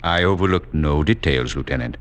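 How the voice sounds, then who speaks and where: An actor playing a suave villainous doctor, formal and over-polite with menace, in a 1940s radio drama. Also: male voice, rumbling low, fairly quick. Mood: politely menacing. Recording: noisy 1940s radio recording.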